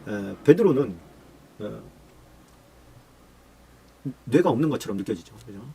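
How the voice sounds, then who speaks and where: Husky guy preaching a bible study, super animated, jumps up high doing voices. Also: unhurried. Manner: lively, acts out quoted voices with big pitch jumps. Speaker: pastor.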